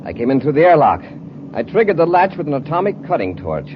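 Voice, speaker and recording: A man's voice: on the high side, sing-song, fast. A man playing a brave, authoritative space patrol commander in a 1950s radio adventure serial. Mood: firm, assured. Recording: muffled, lightly noisy old radio recording.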